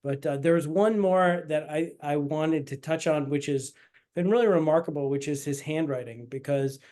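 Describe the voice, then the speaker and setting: A man, a doctor hosting an interview, gently prompting his guest in a hesitant, filler-heavy way. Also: a little high, normal speed. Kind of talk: interview questions.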